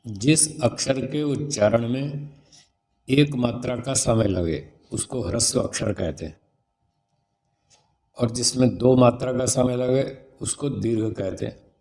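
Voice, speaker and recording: A mellow, medium-pitched voice belongs to a swami and spiritual teacher discussing child-raising in a religious talk. He explains things patiently and pronounces syllables aloud as demonstrations.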